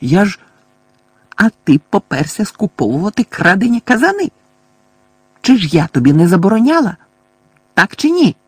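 A man reading an audiobook voices a shrill, furious old woman, a bossy neighbour who shrieks and scolds. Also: sing-song, normal speed, long pauses, darkish tone, breathy edge, no echo, heavily acted. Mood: scolding.

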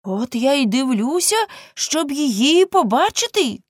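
Sly young trickster guy, high bouncy voice, teasing, as a woman does him. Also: sing-song, no room sound, studio quality. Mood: cheeky. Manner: high, quick and mocking. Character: cheeky young male prankster, lively and mocking.

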